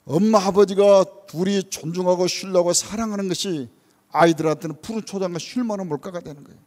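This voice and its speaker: A man's voice: high voice, fast, darkish tone, in a large hall. A man, a church elder, preaching a sermon, earnest and full of rhetorical questions, now and then acting out a parent's words. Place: church sanctuary.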